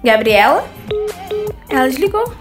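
A woman's voice: high voice, very animated, measured pace, roomy sound, loud music behind the voice. A woman co-hosting a prank video, playful and dramatic in casual chat. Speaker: co-host reading a word list.

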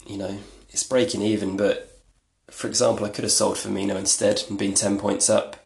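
Low gravelly man in an echoey room. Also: little pitch movement, fairly quick, a little mellow. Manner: rambling, self-deprecating, chatty. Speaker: podcast host. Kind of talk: casual solo podcast talk.

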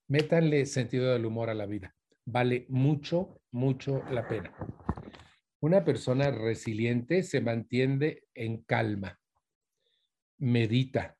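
A man's voice: mid-range voice, mellow. A man giving a live motivational talk to an audience, asking them questions and acting out angry outbursts. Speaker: motivational speaker.

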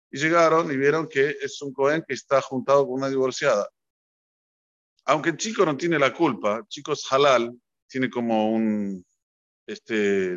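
Man, rabbi's sermon, earnest and repetitive, mid pitch, muffled lo-fi audio. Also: a bit bright. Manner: earnest, instructive, with repeated phrases for emphasis. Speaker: rabbi teaching a class. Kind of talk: religious talk with storytelling. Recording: dull lo-fi recording.

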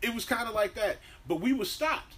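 An American man co-hosts a podcast, trading casual, profane banter and telling stories in an animated, slangy way with plenty of swearing. His delivery is brisk and a bit bright, though he claims to be deep-voiced. Faint background noise is audible.

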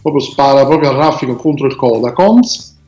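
A man's voice: mid-range voice, animated, moderate pace, darkish tone. A man chatting casually as a co-commentator, emphatic and exclamatory. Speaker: co-commentator on a live show. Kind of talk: casual chat. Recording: roomy echo, faint music behind.

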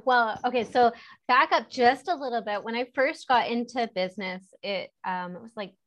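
A woman in her thirties, a native English speaker, appears as a guest entrepreneur in a casual interview, telling stories in a chatty way with many fillers and animated retellings. Her voice is a little high, and she talks at normal speed.

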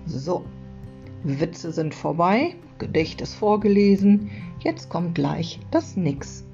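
Woman calmly reading a children's story aloud. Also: on the low side, over music. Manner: calm, measured storytelling. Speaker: teacher reading aloud to her class. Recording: dull, muffled lo-fi recording.

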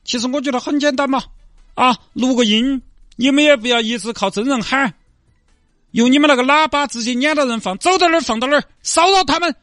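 A man's voice: extremely high pitch, brisk, a bit bright, no room sound, studio quality, soft background music, voice pushed up. A man voicing a pompous, scheming male bureau chief who lectures his staff. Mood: lecturing. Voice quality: lofty, lecturing tone.

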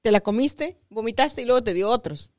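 A woman's voice: fairly high pitch, a little fast, dry recording, studio quality. A woman from Mexico co-hosting a casual family podcast, asking probing questions and telling childhood stories. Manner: lively, probing questions, code-switches briefly into English. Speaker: podcast co-host.

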